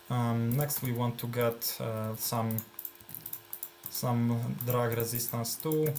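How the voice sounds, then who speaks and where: This native Polish speaker talks over his own gameplay in a relaxed way, musing aloud with lots of fillers and sentences that trail off. He has a Polish accent and is a gameplay streamer. His mid-range voice is a little mellow, and there's a slight hiss or hum.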